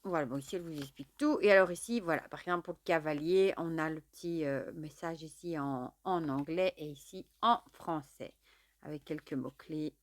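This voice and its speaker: A woman's voice: deep voice, brisk, no echo. Chatty woman unboxing cards. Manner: chatty, fills with "voilà" and "euh". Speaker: tarot and oracle deck reviewer. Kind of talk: casual unboxing chat.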